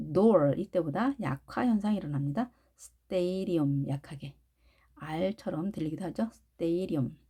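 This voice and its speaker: A woman teaching English phonics to adult learners, patiently explaining each sound and modelling the words slowly one by one. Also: fairly low pitch, dark tone, husky. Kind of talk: slow, careful phonics lesson.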